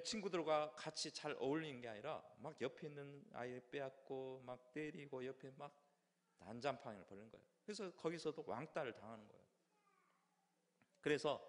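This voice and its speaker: Male pastor preaching in a reverberant hall. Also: mid-range voice. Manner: halting, with many restarts and fillers, voicing quoted speech. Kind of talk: sermon.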